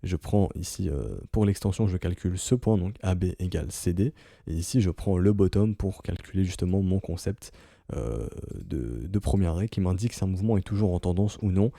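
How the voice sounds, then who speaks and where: A man with a deep, very mellow voice talks through market charts in a casual, explanatory way. He keeps checking in with his listeners as he goes, and the sound is dry and close with no room around it. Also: animated, a little fast, gravelly, no echo. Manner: explanatory, peppered with "ok?" and "hein". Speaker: crypto market analyst. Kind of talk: casual chart analysis commentary.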